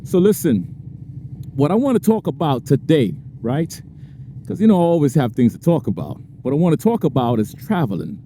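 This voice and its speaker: Biker vlogger, male, fairly high but mellow voice, loose and chatty, helmet mic with faint road noise. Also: big pitch swings. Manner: chatty, laughs often, drawn-out stresses. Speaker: motorcycle vlogger. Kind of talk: casual chat while riding. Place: on a motorcycle in traffic outdoors. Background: faint traffic and wind noise.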